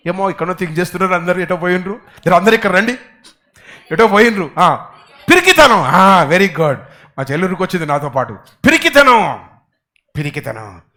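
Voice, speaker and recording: A man preaching a church sermon, swinging from quiet asides to loud exclamations and quizzing the congregation. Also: sits high. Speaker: pastor.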